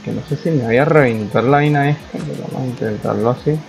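Gaming commentator: young man, mid-pitched, chatty, talking to himself over faint background music. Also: quick pace, creaky, poor audio. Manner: chatty, reacts aloud to the game, talks to himself. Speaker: gaming YouTuber. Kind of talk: casual let's-play commentary.

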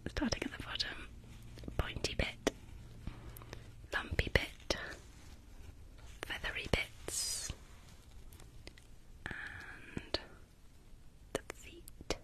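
A woman whispering an eye-exam ASMR roleplay in a soft, gently encouraging, deliberate manner with dry playful humor. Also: poor audio. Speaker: ASMR creator playing an eye examiner.

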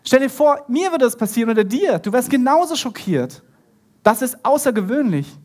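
A man's voice: very high-pitched, sing-song, moderate pace, darkish tone. A man preaching a sermon, retelling a story with animation and speaking directly to his listeners. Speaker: pastor.

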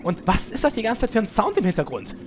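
A man's voice: high-pitched, very animated, quick pace, noisy background. A young man giving casual, chatty game commentary, swearing now and then and talking to his viewers. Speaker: let's play commentator. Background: game music.

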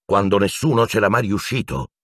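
A man voicing a middle-aged wizard teacher who speaks calmly and gently. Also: on the low side, no room sound, clean studio sound, pitched above the performer's own voice. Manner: calm, gentle, measured.

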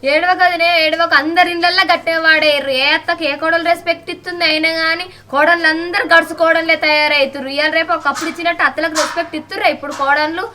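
A woman's voice: very high-pitched, little pitch movement, fast talker, hardly any pauses, sharp tone, faint music behind. A woman playing a chattering, consoling neighbor in a comedy skit. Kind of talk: rural comedy skit acting.

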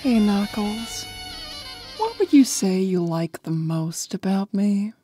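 Woman as sultry, lively Rouge the Bat. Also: mid-range voice, slow, music in the background. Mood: flirty. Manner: flirty, sassy drawl. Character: sultry, teasing adult female bat treasure hunter. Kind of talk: comic dub voice acting.

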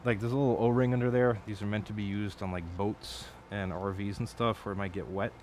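A man's voice: fairly low pitch, steady tone, brisk, a little mellow, a little hiss or hum. A man talking casually while building an electronics project at his home workbench late at night, rambling, swearing and correcting himself. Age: adult. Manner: rambling, profane, self-correcting. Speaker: electronics hobbyist streamer.

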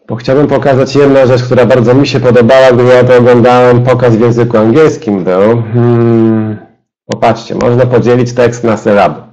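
A man trainer walking listeners through a software demonstration in a webinar, explaining step by step and addressing them directly. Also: mid-range voice, dull audio.

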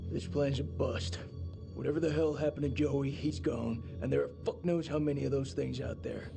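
A gruff, hostile game soldier. His medium-pitched voice is gravelly and curt. Music plays behind it. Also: steady tone, normal speed. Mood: grim, urgent. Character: hostile, hard-bitten American soldier, a man. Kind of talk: dramatic video game acting.

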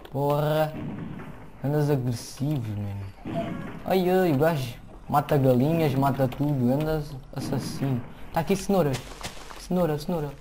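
A man with a European Portuguese accent giving casual, excitable, slangy commentary to viewers while he plays a game at his computer. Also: fairly high pitch, unhurried, background noise. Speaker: gameplay commentator. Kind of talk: casual let's-play commentary. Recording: keyboard clicks and typing behind.

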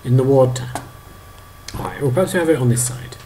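A man in his thirties narrating a video game to his toddler, animated, exclaiming and making playful sound effects. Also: medium pitch, fairly quick, a little hiss or hum. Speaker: parent playing a video game.

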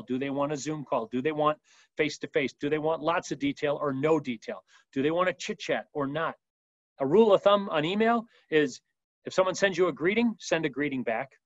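A man's voice: a little high, no echo, muffled recording. Upbeat man leading a webinar. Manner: lively, emphatic, acts out sample voicemails. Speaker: webinar presenter. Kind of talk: energetic business training talk. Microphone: video call mic.

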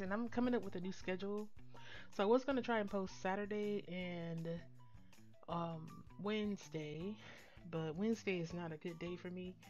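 A woman narrating her nail art tutorial in a casual, chatty voice-over that rambles with fillers and restarts. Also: medium pitch.

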